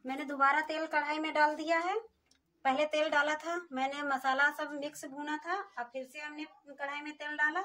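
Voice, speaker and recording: A woman's voice: high voice, little pitch movement, normal speed, pushed and bright. A woman vlogger casually explaining each step as she cooks in a small village kitchen. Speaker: cooking vlogger. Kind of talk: casual cooking narration. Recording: distant phone audio with sizzling noise.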